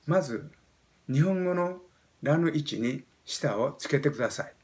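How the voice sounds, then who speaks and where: A Japanese man in his seventies teaching pronunciation, explaining step by step and demonstrating sounds with animated emphasis. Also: on the high side, unhurried. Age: 70s. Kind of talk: explaining lesson.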